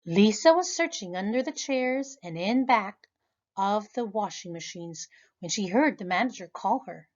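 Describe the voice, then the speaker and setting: A woman, a preschool teacher, reading a children's picture book aloud in a lively, expressive way. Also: measured pace, lo-fi sound. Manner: animated, high voices for characters. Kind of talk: children's storybook read-aloud.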